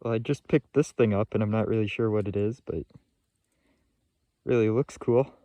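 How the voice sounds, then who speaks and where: A man's voice: lowish voice, normal speed, mellow, dry recording. A young man giving casual, laid-back vlog commentary in a plainspoken way as he looks for rocks. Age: young adult. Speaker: rock hunting vlogger. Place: outdoors in a yard and rock field, or inside a parked van. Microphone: phone at arm's length.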